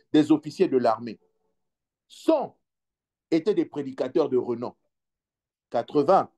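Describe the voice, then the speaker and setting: A man preaching a sermon to a congregation, acting out dialogue and breaking into sudden loud cries. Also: a little high. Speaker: pastor.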